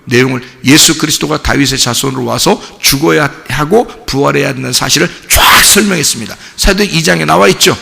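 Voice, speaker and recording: A man preaching a sermon as pastor, talking with the congregation, asking them questions and lively acting out the voices he quotes. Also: fairly high pitch, creaky, in a large hall. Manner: animated, acts out quoted voices and mimics gibberish tongues; conversational, asks the congregation questions. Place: church sanctuary.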